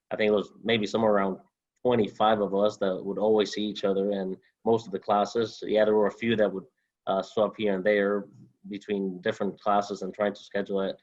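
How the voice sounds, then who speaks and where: A young Honduran alumnus, back as a guest, answers interview questions over a video call, halting and leaning on lots of fillers. His voice sits on the low side, and the audio sounds dull.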